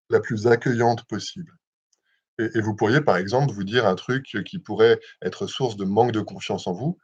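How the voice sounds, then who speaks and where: Soft-spoken man hosting a hypnosis livestream. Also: fairly low pitch, husky. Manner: gentle, measured, with many hesitations. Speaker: hypnosis session host. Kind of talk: live-streamed self-hypnosis talk. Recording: dull lo-fi livestream audio.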